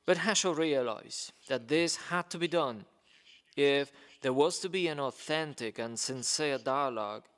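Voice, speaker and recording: Unhurried and clear, a man's mid-range voice, fairly bright and resonant, reads a letter at a ceremony. The formal delivery is hesitant, with many fillers and stumbles on names, amid the long reverb of a large hall.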